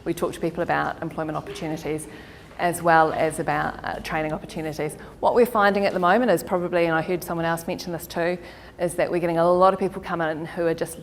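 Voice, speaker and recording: A woman's voice: on the low side, steady tone, fast talker, few pauses, a little hiss or hum. A woman with a New Zealand accent, a career counsellor giving a chatty workshop talk to an audience, laughing often. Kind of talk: informal workshop presentation. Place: meeting hall with audience. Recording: long hall reverb.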